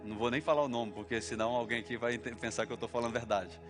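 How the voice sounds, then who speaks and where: Brazilian pastor preaching over soft music. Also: male voice, mid-range voice, little pitch movement, rapid-fire. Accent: Brazilian Portuguese. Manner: conversational preaching, acting out little dialogues. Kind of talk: sermon. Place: church service.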